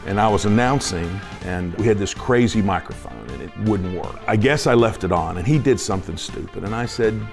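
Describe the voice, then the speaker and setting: A middle-aged man telling stories in a casual interview, in a halting, folksy way. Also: fairly low pitch, animated, gravelly, soft background music. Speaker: high school football announcer.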